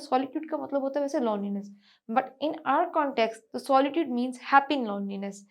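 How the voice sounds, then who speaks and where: A woman teacher giving a classroom lecture. She reads answers slowly and explains them quickly, often addressing the class. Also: high voice.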